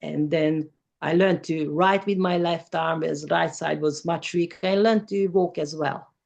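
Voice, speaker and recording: Gravelly woman. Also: deep voice, steady tone, a little slow, a little mellow, dull audio. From former Yugoslavia. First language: Hungarian. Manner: careful, simple non-native English. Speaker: interview guest. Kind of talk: personal testimony in an interview.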